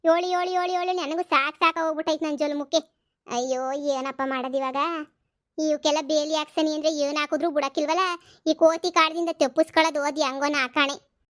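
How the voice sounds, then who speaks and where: A woman's voice: high-pitched, fairly even intonation, fairly bright tone, no room sound, studio quality. A woman voicing a naive young village wife who frets and complains. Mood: fretting. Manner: rustic village dialect, complaining, drawn-out sighs.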